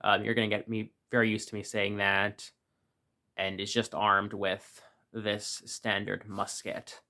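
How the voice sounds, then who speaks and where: A man's voice: fairly low pitch, flat delivery, a little slow, bright, forceful tone. Chatty man reviewing a toy set. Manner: chatty, rambling with fillers and restarts. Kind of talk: casual product review. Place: his room.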